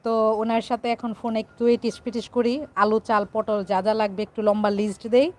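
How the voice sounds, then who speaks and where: A woman's voice: a little high, level tone, quick pace, a little mellow. A playful, teasing woman from Bangladesh hosting a casual live stream and reading out viewer comments.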